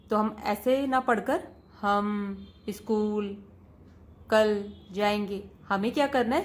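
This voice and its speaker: Woman teacher talking to kids, kinda high voice, patient, goes over stuff twice. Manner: patient, repeats points and addresses students directly. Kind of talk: classroom lesson for children.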